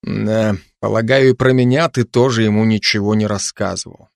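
A man's voice: lowish voice, fairly even intonation, normal speed, vocal fry, no echo. A man voicing a wry, grumbling male constable who bickers sarcastically with a cat in an audiobook. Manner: dry, sardonic, chatty banter with a cat.

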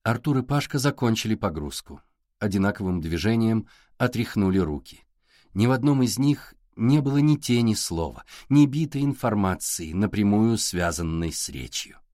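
A man reading a novel aloud as an audiobook narrator, with even, unhurried storytelling. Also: lowish voice, no room sound, studio quality. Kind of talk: scripted narration.

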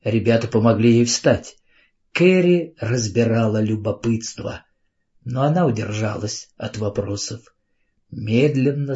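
A man narrating an audiobook in a calm, even storytelling manner, on a dull lo-fi recording. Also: medium pitch.

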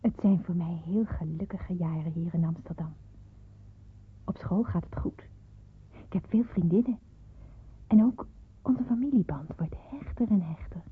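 Fairly low-pitched and unhurried, a woman with a breathy edge pauses often as she narrates in the first person as an earnest, content schoolgirl. It's a scripted radio drama, and the recording sounds thin, like a phone.

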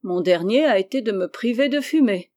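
A woman reading the lines of a kind, thoughtful uncle who is a doctor, in a gentle, reflective manner. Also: medium pitch, expressive, moderate pace, close to an everyday voice.

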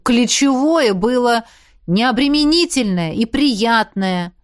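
A woman's voice: fairly high pitch, sing-song, normal speed. A woman voicing a cheeky, womanizing young male student who banters with exuberant, mock-grand flair. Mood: wry.

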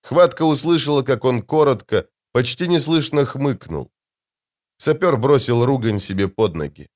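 A man narrating an audiobook in an expressive, dramatic manner with tense, measured delivery. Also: medium pitch.

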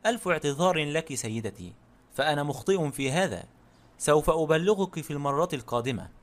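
A man's voice: a little high, expressive, a little fast, lightly acted. A man reading the lines of a proud, grave little male detective in an audiobook, in a dry, self-assured manner.

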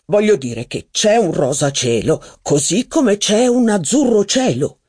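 A fawning, affected gentleman gushes in high, drawn-out exclamations, as an audiobook reader puts him on. His voice swoops lavishly, and the sound is dry and close. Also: very animated, husky, no room sound, heavily acted. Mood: effusive. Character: gushing affected male art flatterer.

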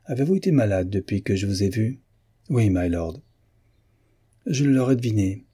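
Man reading a rude idle young lord, blunt and careless, low dark voice, husky. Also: expressive, moderate pace. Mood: offhand.

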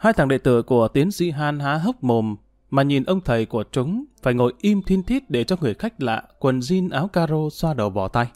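A man narrating an audiobook in a steady, measured way. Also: mid-range voice, dry recording, studio quality.

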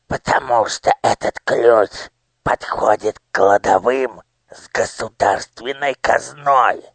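A man voicing a cruel, scheming chief minister in an audiobook, slow and threatening. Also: medium pitch, no echo, pitched above the performer's own voice. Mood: menacing. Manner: menacing, drawn-out, shouting.

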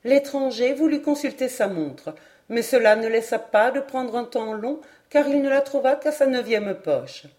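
A woman reading a classic adventure novel aloud as an audiobook narrator, in an expressive literary style. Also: fairly high pitch, normal speed. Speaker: audiobook reader. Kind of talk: scripted narration.

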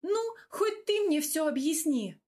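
Brief: woman reading as a fiery young heroine, higher and louder than the narration, quick to exclaim. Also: sing-song, full character voice. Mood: complaining. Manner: loud, complaining, exclaiming. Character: indignant young woman, fiery and sharp-tongued. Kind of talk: audiobook character voice.

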